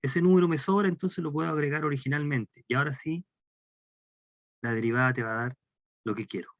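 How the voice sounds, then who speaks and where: A man's voice: on the high side, fairly quick, no room sound. Man giving a calculus lecture. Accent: Chilean Spanish. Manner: explains step by step, asks rhetorical questions. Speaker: math lecturer. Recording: dry, dull lo-fi lecture recording.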